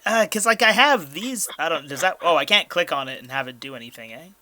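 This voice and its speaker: A young Californian man playing a tabletop game, easygoing and quick to question the rules. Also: on the high side, animated, sharp tone. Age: young adult. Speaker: player. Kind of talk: casual chat around a tabletop game.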